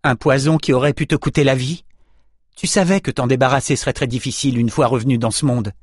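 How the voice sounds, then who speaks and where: A man's voice: medium pitch, quick pace, slightly rough, no echo, natural voice. An astonished young woman companion questions her friend in a lifted, reproachful tone, played by a man reading an audiobook. She sounds blunt and worried. The sound is dry and close. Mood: incredulous. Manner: incredulous, reproachful.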